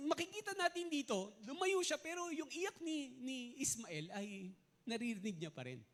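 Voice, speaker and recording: A middle-aged man preaches from the pulpit, his voice riding high and swinging widely in pitch. He rises to loud emphasis, then drops to soft, low asides. He keeps checking in with the congregation and mixes English words into his sermon. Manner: asks the congregation frequent "No?" and "Naintindihan mo ba?" checks. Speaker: pastor.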